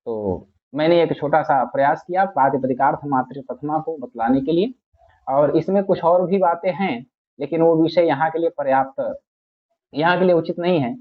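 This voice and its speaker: A man with a slightly high voice, speaking at a normal speed, gives a patient grammar lecture, repeating each point and reciting classical phrases. The explanatory talk comes through with tinny, phone-like audio.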